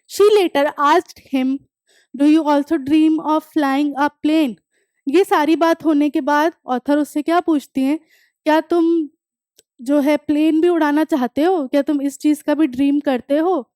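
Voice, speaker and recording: A woman's voice: sits high, darkish tone, no room sound, clean studio sound. A young woman teaching an English lesson, reading textbook lines and explaining them in Hindi, repeating words to drill their pronunciation. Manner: reads English text slowly, then explains in Hindi. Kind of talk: classroom lecture explaining a textbook chapter.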